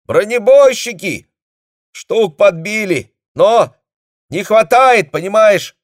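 A man voicing a young male company commander who shouts in a squeaky, agitated voice over a bad field phone line. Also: animated, takes it slowly, dry recording, clean studio sound. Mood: urgent.

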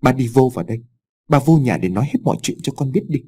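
A man's voice: medium pitch, lively intonation, fast, mellow, breathy edge. A man voicing a stern young adult son who speaks bluntly and demands answers.

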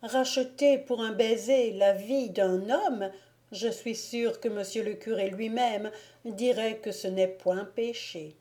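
A woman's voice: on the high side, fairly even intonation, takes it slowly, mellow. A woman voicing a sweet, humble teenage peasant girl who speaks beseechingly, in a storybook reading. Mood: pleading.

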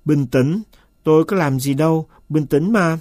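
A man's voice: a little high, unhurried, a little mellow, no echo, lightly acted. Sulky servant for an audiobook, stubborn and evasive, read by a man, dry close sound. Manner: stubborn, insistent denials. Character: sullen, evasive male manservant.

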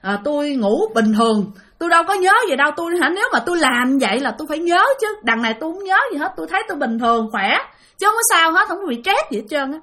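A woman voicing an indignant young wife who protests shrilly and fast. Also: sits high, expressive, bright, forceful tone, pitched above the performer's own voice.

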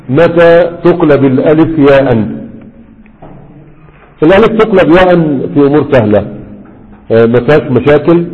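A man's voice: on the high side, in a large hall, narrow, tinny audio. A man with an Egyptian Arabic accent teaching a classroom grammar lesson. He keeps quizzing his students and stretches out his fillers.

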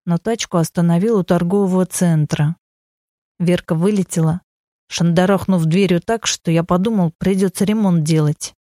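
A woman's voice: on the low side, normal speed, mellow, dry recording, studio quality. A woman reading a first-person story with wry, conversational narration. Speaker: audiobook narrator.

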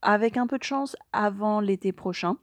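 A woman's voice: mid-range voice, moderate pace, no room sound. A young woman in a casual spoken afterword to her podfic reading, rambling and hesitant with many fillers. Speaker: podfic reader.

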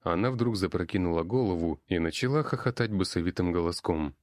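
A man narrating an audiobook in a steady, even storytelling manner. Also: low-pitched, a little fast, no room sound, studio quality. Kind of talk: audiobook reading.

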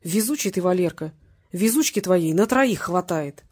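A rough cop who cracks dry jokes with a teasing edge, as a woman narrator puts him on. The voice is husky and slightly breathy, lifted a little above her plain reading voice. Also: lowish voice, animated, normal speed, darkish tone. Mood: wry. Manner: wry, teasing. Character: joking, rough male cop sidekick.

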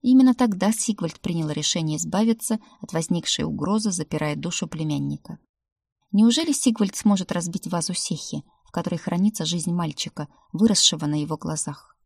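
Woman, audiobook narrator, calm, lowish, mellow, breathy, dry close recording. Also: brisk, no room sound. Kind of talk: first-person audiobook narration.

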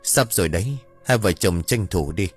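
Một người đàn ông đọc lời bà đồng già mệt mỏi, nói giọng thản nhiên. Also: male voice, low voice, lively intonation, moderate pace, breathy edge, soft background music. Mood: weary. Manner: tired, matter-of-fact. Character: weary old female spirit medium.

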